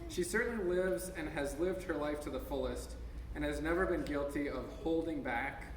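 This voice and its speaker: At a memorial gathering, a Minnesota man in his thirties shares an essay in a casual reading, tripping over words now and then. His voice runs on the high side at a moderate pace. The sound is noisy and picked up from far off in an echoing hall.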